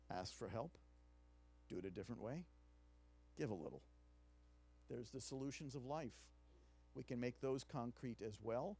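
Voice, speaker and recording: A middle-aged clinical psychologist with a medium-pitched, dark-toned voice gives a conversational workshop lecture in a conference room. He speaks into a handheld mic and occasionally puts questions to the audience.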